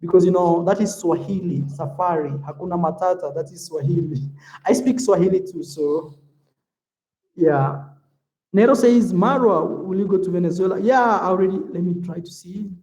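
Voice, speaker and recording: Recorded roughly in an echoey room, this African YouTube vlogger speaks at normal speed in a voice that sits high. Relaxed and talkative, he reads out comments from his livestream audience and calls them "man" and "bro."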